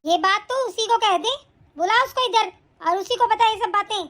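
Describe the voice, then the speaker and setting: A woman voicing a spiteful, bossy older mother-in-law in an animated family drama, with taunting lines. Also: very high-pitched, normal speed.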